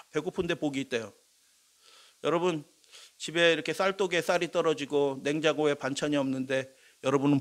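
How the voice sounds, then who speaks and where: High-voiced preacher questioning his congregation. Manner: asks the congregation questions and answers them; shifts between soft low asides and loud emphatic lines. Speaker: pastor. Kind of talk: sermon.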